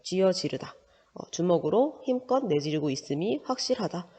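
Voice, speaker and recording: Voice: medium pitch, sing-song, moderate pace, warm tone, slightly rough. A Korean literature teacher reading a story aloud and explaining it, checking in with frequent rhetorical questions. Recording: dull lo-fi sound with long reverb.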